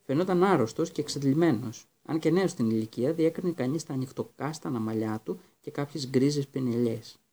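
Mellow-voiced man reading an audiobook. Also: medium pitch, hardly any pauses. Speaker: audiobook narrator. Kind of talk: audiobook narration.

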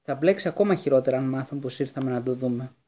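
A man's voice: medium pitch, dark tone, natural voice. A man reading aloud voices a jittery, blunt teenage boy who snaps out his lines in fear. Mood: fearful. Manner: jittery, snapping.

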